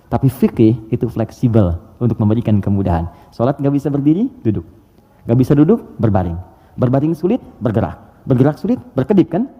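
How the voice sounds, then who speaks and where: Animated preacher in an echoing hall. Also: male voice, mid-range voice. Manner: lively, animated preaching with rhetorical questions. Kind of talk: sermon. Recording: dull audio with long hall reverb.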